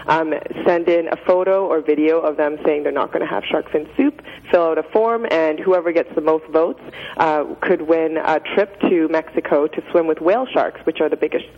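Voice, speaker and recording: A woman's voice: low voice, moderate pace. A young woman from Canada talking casually as a radio guest, chatty and full of fillers. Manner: chatty, many fillers and likes. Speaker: guest, nonprofit founder. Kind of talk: casual interview answers. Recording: dull radio sound with long reverb.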